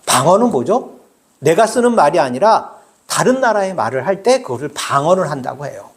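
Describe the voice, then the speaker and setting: A man's voice: a little high, big pitch swings, brisk. A middle-aged male pastor preaching a sermon in a conversational way, explaining with everyday examples.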